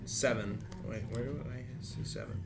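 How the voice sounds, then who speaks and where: A man's voice: fairly low pitch, normal speed, vocal fry, loud music behind the voice. A man playing a tabletop game, chatting casually and correcting himself in an apologetic way.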